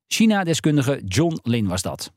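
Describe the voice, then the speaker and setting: A man's voice: mid-range voice, very animated, no echo. Guy hosting a talk show, moves things along, dry close mic. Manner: brisk, leads the talk. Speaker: host.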